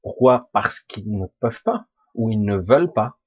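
Hoarse, raspy low-voiced man. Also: lively intonation, moderate pace, no echo, dull audio. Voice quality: husky, raspy, chesty voice. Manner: rambling, blunt, casually sweary, emphatic. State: hoarse, recovering voice with a cough. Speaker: spiritual vlogger speaking to followers. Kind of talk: informal spoken monologue.

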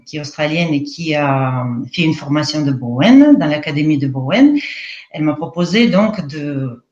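Russian woman guest, accented, halting, lo-fi roomy audio. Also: low-pitched. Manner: hesitant, many fillers. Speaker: guest, EFT practitioner. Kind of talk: casual live interview. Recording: roomy, dull lo-fi sound.

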